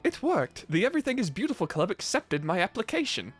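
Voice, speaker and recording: A man's voice: sits high, very animated, brisk, slightly rough, pitched above the performer's own voice, exaggerated voice. Guy doing a bubbly haughty princess girl, big swoopy voice, over the game music. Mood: haughty cheer. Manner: gushing, wonder-struck. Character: haughty cheery young woman princess.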